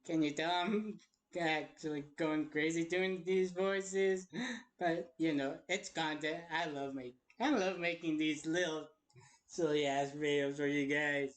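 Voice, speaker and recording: A woman's voice: low voice, fairly even intonation, measured pace. A young woman hosting a casual blooper vlog, giggly and swearing a lot. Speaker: hobby voice actor and channel host.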